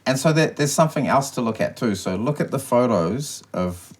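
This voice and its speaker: A man's voice: medium pitch, animated, moderate pace. A man co-hosting a casual podcast, rambling through stories and swearing freely over a beer. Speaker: podcast co-host. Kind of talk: casual chat.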